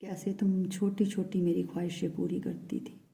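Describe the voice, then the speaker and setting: Speaking in the first person for a lovesick man, a woman delivers his tender, pleading love message in a very mellow, dark voice that stays flat and even. Her pitch is low for a woman, and she talks softly and hushed at a normal pace, often dropping to a whisper, with some vocal fry.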